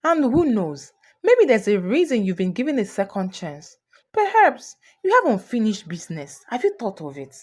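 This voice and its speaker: A woman voicing a gentle, wise older village woman in a storybook tale, speaking softly in a lowered voice. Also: sing-song, normal speed, breathy edge. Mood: coaxing.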